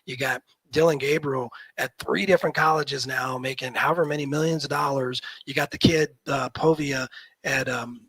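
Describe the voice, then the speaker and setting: A man in his fifties from Nebraska, a guest talking in a casual, animated, opinionated way on a video call. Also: medium pitch, moderate pace, husky, no room sound, low-quality recording. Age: 50s. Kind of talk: casual chat.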